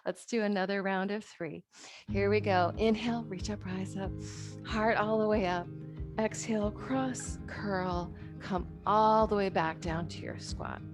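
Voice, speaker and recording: A woman's voice: mid-range voice, steady tone, measured pace. Woman leading yoga over guitar music. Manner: instructional, short repeated cues. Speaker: yoga instructor. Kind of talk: guided yoga class with breath counts and cues. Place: online class, instructor watching students on a monitor. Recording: background music with plucked guitar.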